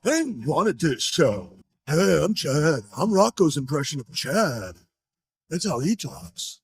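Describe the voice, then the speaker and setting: A man putting on a mocking impression of himself as someone else imitates him, slow and drawn out. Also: fairly high pitch, sing-song, exaggerated voice. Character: dopey slow-talking mock version of himself.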